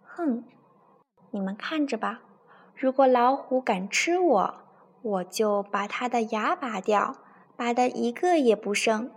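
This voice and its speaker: A woman's voice: on the high side, lively intonation, takes it slowly, breathy edge, full character voice. A woman doing a sly, smug storybook fox. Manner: smug, coaxing, cheerful. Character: sly, boastful little fox.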